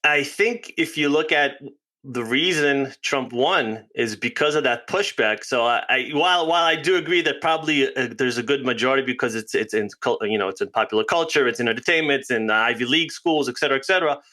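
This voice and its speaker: A man's voice: medium pitch, a little fast, sharp tone. A man hosting a podcast, chatting casually and loosely, often repeating words as he thinks. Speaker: podcast host. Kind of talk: casual interview chat.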